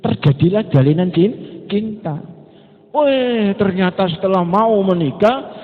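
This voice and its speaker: A man with an East Javanese accent giving a religious study lecture as an Islamic teacher, telling stories lively and acting out the people he quotes. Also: high-pitched, normal speed. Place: lecture gathering indoors. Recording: tinny lo-fi recording in echoey hall.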